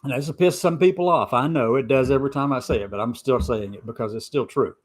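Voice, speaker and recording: A man's voice: mid-range voice, fast. Emphatic man giving informal opinion commentary. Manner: emphatic, repeats points for stress. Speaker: host of a commentary show.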